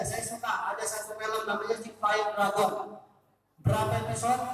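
Male school preacher, high-pitched and chatty, recorded from a distance in a reverberant hall. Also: a bit bright. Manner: chatty, asks the audience rhetorical questions. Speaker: Islamic speaker at a school talk. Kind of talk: informal religious talk to students. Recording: echoey hall, voice picked up from a distance.

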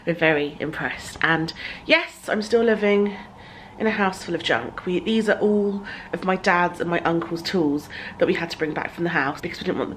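British woman, thirties, casual vlog chat, handheld camera, slightly low voice, faint background noise. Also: rough recording. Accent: British English. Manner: chatty, talking to camera while walking around. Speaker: vlogger. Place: house under renovation, indoors. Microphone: handheld camera at arm's length.

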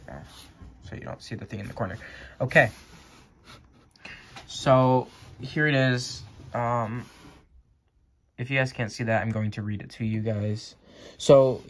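A man talking casually to the camera about his script and reading it aloud, hesitant, with many fillers and restarts. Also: medium pitch. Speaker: amateur scriptwriter.

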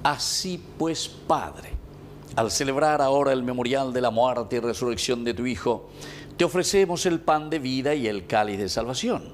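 Solemn Paraguayan priest at Mass. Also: male voice, medium pitch, a little hiss or hum. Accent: Paraguayan Spanish. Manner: solemn, measured, drawn-out phrasing. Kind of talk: liturgical recitation at Mass. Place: small indoor chapel. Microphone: fixed camera at the altar.

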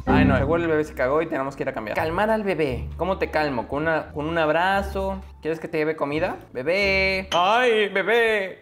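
Lively, playful man doing game commentary. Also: a little high. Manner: playful, jokey, talks to the baby in a cooing voice. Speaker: gaming YouTuber. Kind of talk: let's-play commentary.

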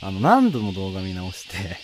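A man's voice: low voice, wildly swooping pitch, moderate pace, over music. A man giving casual, nervous, pleading commentary as he plays a horror game, talking to himself and his viewers. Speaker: video game player and commentator.

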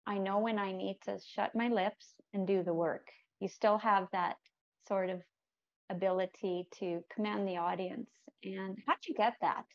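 A woman hosts a podcast in an enthusiastic, chatty way, asking her guest questions. Her voice sits at a middle pitch. The sound is a little muffled. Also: a little mellow. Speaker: podcast host. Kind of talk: casual interview chat. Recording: slightly dull lo-fi sound.

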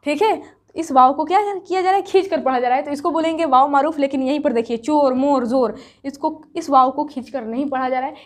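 Woman teacher, high voice; grammar lesson full of self-answered questions and drawn-out, repeated example words. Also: darkish tone. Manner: asks questions and answers them herself. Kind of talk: grammar lesson explained to students.

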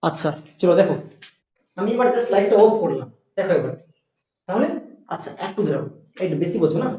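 A teacher giving a spelling and pronunciation lesson, patient and repeating words slowly for students. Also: medium pitch, big pitch swings, dark tone, heavy reverb, recorded from a distance, slight background noise, poor audio.

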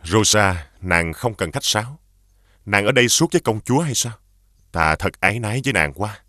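A gentle grieving king. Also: lowish voice, expressive, moderate pace, no room sound, clean studio sound. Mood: tender. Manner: warm, fatherly. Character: grieving middle-aged king, gentle father. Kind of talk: cartoon dubbing.

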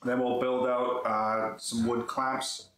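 Slow-paced and level, with a fairly bright mid-range voice, a man in his thirties hosting woodworking videos casually and plainly explains a hands-on build to camera. The setting is an indoor garage workshop with a concrete floor, recorded by a camera mic a few metres away, echoey and with faint background noise.

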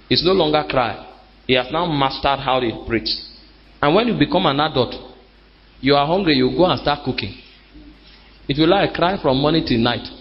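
A man preaches, his voice sitting fairly high and swooping widely as he stretches key words out slowly. The sound is muffled and carries a long hall reverb, as if recorded live in a big church. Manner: emphatic, rises to shouts and drops to slow drawn-out words. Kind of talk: sermon.

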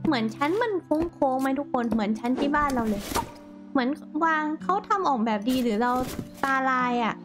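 A woman's voice: sits high, brisk, over music. A woman streamer chatting casually and rambling to her viewers while she plays a game. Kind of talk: casual gameplay commentary.

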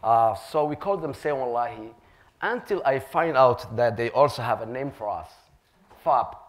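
This clip features a middle-aged panelist with a mid-range voice, lively intonation and a moderate pace. Somali is his first language; he works in the community and hosts radio, and here he tells personal anecdotes on an auditorium stage, wearing a lapel mic. He comes across as an earnest storyteller, echoing words as his sentences take shape.

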